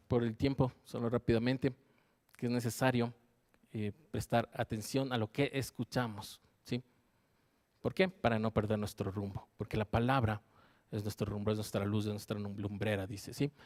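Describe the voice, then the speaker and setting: A man preaching a Bible study at an ordinary, middle pitch. He reads verses aloud and unpacks them, stopping again and again to ask his listeners whether they follow. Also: darkish tone. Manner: checks in with listeners with a frequent questioning "¿sí?".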